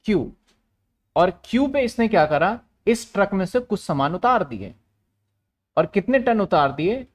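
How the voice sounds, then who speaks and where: A man's voice: sits high, very animated, measured pace. A man teaches an online commerce class. He walks through a worked example step by step, repeating phrases and asking questions aloud before answering them himself. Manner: repetitive, asks and answers his own questions.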